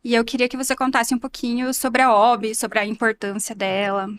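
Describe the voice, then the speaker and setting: A woman's voice: on the high side, little pitch movement, brisk, clear, resonant tone. A young adult woman hosting a podcast, introducing guests in a friendly, upbeat, well-structured way. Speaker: podcast host.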